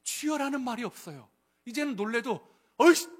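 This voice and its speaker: A male pastor preaching with a high voice that swoops up and down. He keeps turning to the congregation with questions. His delivery stays lively and animated throughout. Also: moderate pace. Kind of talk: sermon.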